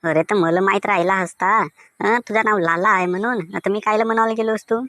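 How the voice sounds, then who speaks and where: A defensive, grumbling village mango seller, as a man voices him, talks in a sing-song Vidarbha Marathi lilt at a mid pitch. The cartoon voice sounds close and dry. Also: steady tone, fast, pushed and bright, dry recording. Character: cheerful singing village mango seller Diwakar.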